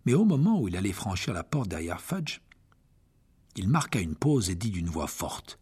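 A man narrating a novel audiobook with expressive reading. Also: low voice, moderate pace, breathy edge.

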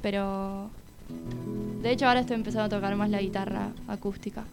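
Female musician guest, easygoing chat, guitar playing loud behind. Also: medium pitch, steady tone, fairly quick, creaky. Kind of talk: casual radio interview chat.

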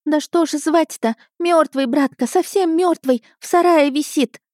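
A woman doing a high wailing street boy. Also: a little fast, a little mellow, dry recording, clean studio sound. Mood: whimpering. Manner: wailing, gabbling, theatrical sobbing. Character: whiny scheming street boy feigning grief.

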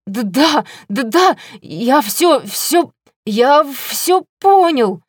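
A woman's voice: sits high, sing-song, very slow, husky, no echo, clean studio sound, voice pushed up, exaggerated voice. A woman voicing a fat, cowardly male secretary who stammers and sobs in panic. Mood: terrified.

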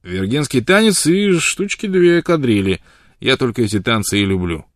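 Storybook figure: loud blunt old woodsman, read by a man, dry close sound. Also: mid-range voice, expressive, moderate pace, no room sound, voice pushed up, lightly acted. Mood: gruff. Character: gruff old frontiersman, blunt and devoted.

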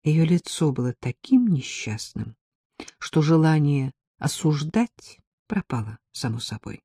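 A woman narrating a first-person audiobook in a measured, wry, intimate storytelling manner. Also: low-pitched, big pitch swings, warm tone, husky, no echo, studio quality.

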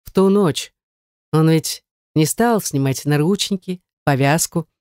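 A woman's voice: low-pitched, unhurried, darkish tone, smooth, no echo, clean studio sound. A woman voicing a cold, menacing young man, an ex-boyfriend who speaks with icy contempt. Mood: taunting.

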